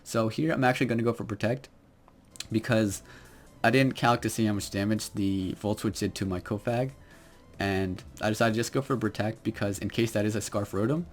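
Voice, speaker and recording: Hesitant young man, low voice. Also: fairly quick, faint music behind. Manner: quiet, hesitant, many fillers. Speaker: Pokemon battle commentator. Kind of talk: game commentary.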